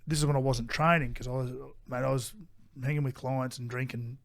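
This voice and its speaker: A middle-aged Australian man with a medium pitch, fairly even intonation, and a slightly fast pace co-hosts a podcast. His casual conversation is blunt and full of swearing, repetition, and restarted sentences.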